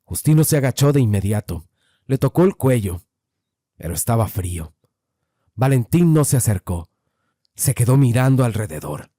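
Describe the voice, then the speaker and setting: A man giving scripted horror narration in a measured, ominous way. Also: mid-range voice, very animated, dark tone, no echo, studio quality.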